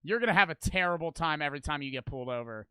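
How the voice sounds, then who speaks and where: A man hosting a reaction video, commenting excitedly and swearing as he reacts to footage. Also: fairly high pitch, rapid-fire, clean tone, dry recording, clean studio sound. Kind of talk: casual commentary.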